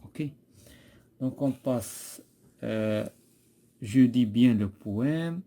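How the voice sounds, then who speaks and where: A man's voice: medium pitch, drawn-out words, warm tone. A man with a Moroccan accent, teaching a poetry lesson and patiently repeating and correcting a pupil's answers.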